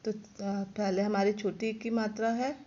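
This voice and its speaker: A female class teacher, giving a slow lesson to young pupils and repeating sounds and words clearly. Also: medium pitch, little pitch movement, warm tone. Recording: dull lo-fi recording.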